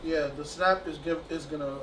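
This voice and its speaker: Male host with a high, bright, slangy voice, recorded far off in a reverberant room. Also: fairly even intonation, normal speed. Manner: loose, slangy banter. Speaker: show host. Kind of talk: casual chat. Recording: echoey room, distant mic, faint noise.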